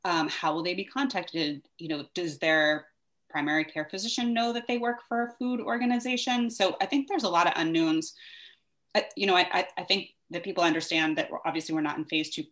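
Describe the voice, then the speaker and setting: A woman with a low-pitched voice talks through civic questions in a casual discussion. She thinks aloud, doubles back on her words and laughs lightly as she goes. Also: steady tone, brisk, a bit bright. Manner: chatty, thinks aloud with many "like"s and restarts; laughs lightly while talking. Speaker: vice mayor, co-host.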